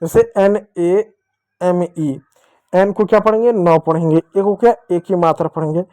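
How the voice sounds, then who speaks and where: Guy teaching little kids online, mellow voice, asks stuff then answers it himself, dry sound. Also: high voice, a little slow, dry recording. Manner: patient, repetitive drilling. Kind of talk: online lesson for children. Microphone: writing with a digital pen while talking.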